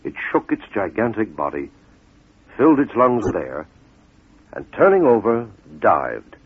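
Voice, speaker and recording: A man's husky, fairly low voice takes on a sing-song lilt as he tells a fable like a scripted dramatic storyteller. His phrases are measured and deliberate, broken by pauses for effect, on a muffled radio recording.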